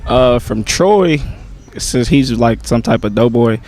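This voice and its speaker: In a casual interview, a young stage actor answers questions in a relaxed, slangy manner. His voice is medium-pitched, and he pauses often and says "um" a lot.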